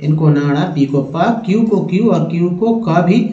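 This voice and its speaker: A man's voice: a little high, moderate pace, warm tone. A man teaching English pronunciation, explaining step by step, repeating each word and addressing viewers as friends. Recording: echoey, dull lo-fi room recording.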